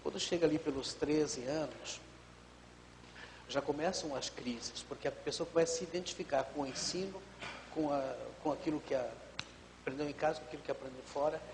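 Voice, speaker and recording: A man in his fifties, a pastor, explaining calmly on a live TV talk show. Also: a little high, long reverb tail, a little hiss or hum, poor audio.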